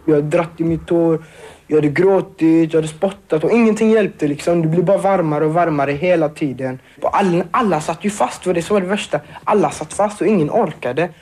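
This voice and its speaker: A teenage boy giving a halting personal account, full of fillers and restarts. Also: fairly high pitch, a little mellow, husky. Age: teens. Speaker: survivor interviewee.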